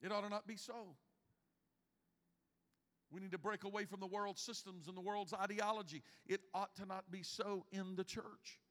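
A man in his fifties preaching a sermon as pastor, swinging from hushed lines to loud emphatic ones. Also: high voice, fairly even intonation, moderate pace. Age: 50s. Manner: preaching with big swings in loudness, from hushed to shouting. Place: church sanctuary. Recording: long reverb of a church hall.

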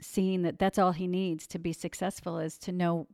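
A woman speaking casually and thoughtfully as a parent about supporting her son, with some halting restarts. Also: lowish voice, flat delivery, darkish tone, no echo, studio quality. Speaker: mother of a child actor. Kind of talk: casual conversation.

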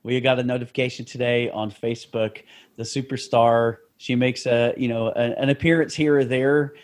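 A man's voice: medium pitch, little pitch movement, normal speed. A man co-hosting a casual podcast, upbeat and playful. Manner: upbeat, playful, laughs often. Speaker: podcast co-host.

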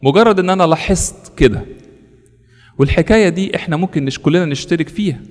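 A man's voice: on the high side, fast, darkish tone, long reverb tail. A man with an Egyptian Arabic accent, a priest giving an earnest sermon that is full of rhetorical questions and lists.

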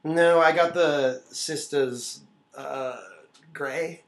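A man's voice: on the high side, fairly even intonation, extremely slow. Rambling joking man co-host. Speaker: podcast co-host. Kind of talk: casual comedic chat.

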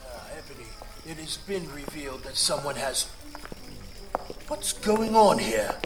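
A man voicing a fussy older wizard headmaster who makes slow, solemn announcements. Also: medium pitch, big pitch swings. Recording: background music.

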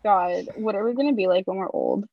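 A woman's voice: medium pitch, brisk, vocal fry, dry recording, lo-fi sound. A young woman chatting casually on a podcast, playful and giggly. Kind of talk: casual chat.

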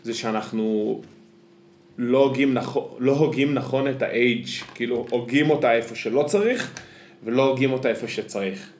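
A man's voice: medium pitch, darkish tone, a little hiss or hum. A man with an Israeli accent, chatting casually as a podcast co-host. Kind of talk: casual chat. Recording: roomy, echoey sound.

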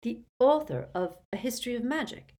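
A woman doing a quiet, troubled teenage boy. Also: on the high side, expressive, brisk, pitched above the performer's own voice. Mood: stunned.

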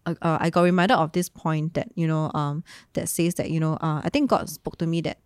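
A Singaporean woman talking casually and reflectively in Singlish, with lah and leh particles, in a halting, searching way. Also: sits low, level tone, smooth, dry recording, studio quality. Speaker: guest sharing personal story.

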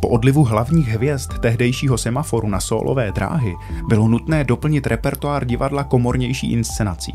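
A man presenting a culture news report as measured, formal scripted narration. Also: mid-range voice, a little mellow, faint music behind.

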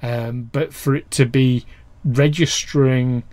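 A man's voice: medium pitch, steady tone, slow, darkish tone, no echo. A man in casual podcast chat who hesitates a lot, full of ums and restarts.

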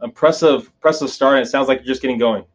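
A man's voice: mid-range voice, fast talker, lo-fi sound. A man hosting a conversational interview podcast, rambling a little as he rephrases his questions. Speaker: podcast host.

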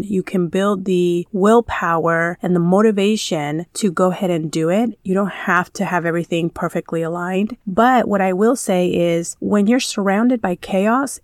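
A woman's voice: fairly low pitch, a little mellow, no room sound, studio quality. A woman hosting a chatty motivational podcast, talking informally and encouragingly, with a congested voice from being sick. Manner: informal, encouraging, girlfriend-like address. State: sick, congested stuffy-nosed voice. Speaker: podcast host, wellness coach.

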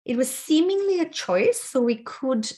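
A South African woman in her forties, speaking as an interview guest, reflects thoughtfully on personal matters with frequent fillers and restarts. Her voice sits high, with lively intonation, and is unhurried and mellow.

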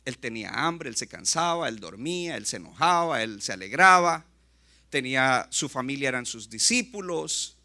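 A male pastor preaching a lively sermon, often acting out short asides and quotes. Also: medium pitch. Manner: animated preaching, acts out quick asides.

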